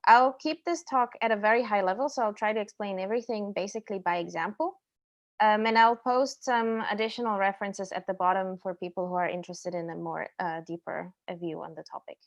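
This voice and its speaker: A woman from Slovakia in her thirties giving a technical conference talk over a video call, explaining clearly with some ums and self-corrections. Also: medium pitch, fairly even intonation, brisk, muffled recording. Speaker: invited speaker. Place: indoor room at home or office.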